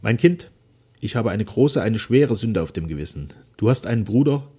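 An ailing old nobleman from a classic novel, solemn and full of remorse, as a male narrator voices him. His speech is formal and weary, in a dark, husky tone. Each sentence is weighted like a confession. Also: lowish voice, lively intonation, moderate pace.

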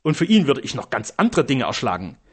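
A man's voice: medium pitch, wildly swooping pitch, brisk, breathy edge. A man voicing a boastful old castle steward with pompous, theatrical bluster. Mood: proud.

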